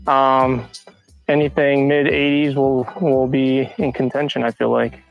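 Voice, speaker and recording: A young man from Massachusetts, a kayak angler answering quickly and casually, with lots of fillers. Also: mid-range voice, level tone, vocal fry, muffled recording, soft background music. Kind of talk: interview answer.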